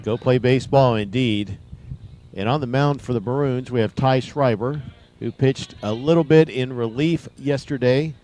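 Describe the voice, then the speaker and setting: A male commentator talks through a live baseball broadcast from the ballpark. His voice sits at a middle pitch, and he speaks in a conversational way. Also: normal speed, darkish tone.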